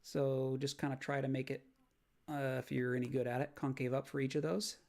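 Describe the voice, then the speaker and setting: A man's voice: medium pitch, flat delivery, fairly quick, gravelly, darkish tone. A man teaching a math lesson on video, explaining graph sketching step by step and checking in with "right?". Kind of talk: recorded lecture walkthrough.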